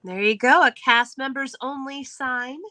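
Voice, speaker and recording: A woman's voice: sits high, measured pace, bright, forceful tone, slight background noise, low-quality recording. A woman hosting a live online game, chatty and upbeat, who laughs often as she announces the winners. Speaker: host.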